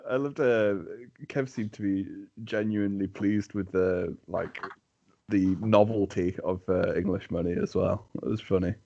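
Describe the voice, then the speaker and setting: A man's voice: low voice, steady tone, unhurried, vocal fry, mellow, muffled recording. A man who is a guest on a casual podcast chat, teasing the host and laughing easily. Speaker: podcast guest, team captain.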